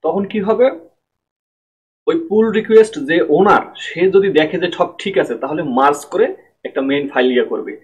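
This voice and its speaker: Fast-talking husky-voiced man teaching code. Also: fairly high pitch, expressive, low-quality recording. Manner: explains step by step, often checks in with "ঠিক আছে?". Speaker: programming tutor. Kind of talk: screen-recorded coding tutorial. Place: at his computer, screen recording.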